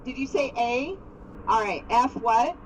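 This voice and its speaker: A woman's voice crackles out of a drive-thru intercom speaker, heard from inside a car. She sits a little high and talks briskly, pressing for repeats. Steady engine and street noise wash around her. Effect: heard through a drive-thru intercom speaker. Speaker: drive-thru order taker.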